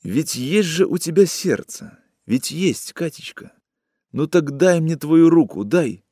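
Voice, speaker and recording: A man voicing a drunk, desperate young man who pleads in a hushed, trembling voice through tears. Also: on the high side, expressive, slow, dry recording, clean studio sound, pitched above the performer's own voice, full character voice. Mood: pleading, despairing.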